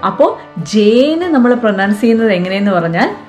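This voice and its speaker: A woman's voice: medium pitch, sing-song, brisk, a little mellow, faint music behind. A woman with a Malayali accent hosting a casual lesson for children, chatty and coaxing, asking the viewer questions. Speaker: vlog host teaching French to kids.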